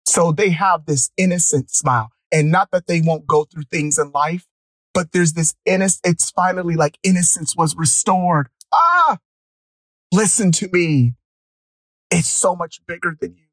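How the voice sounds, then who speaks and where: A man's voice: fairly high pitch, normal speed, no room sound. A middle-aged man giving an earnest, emotional personal testimony, building up like a preacher. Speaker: motivational speaker.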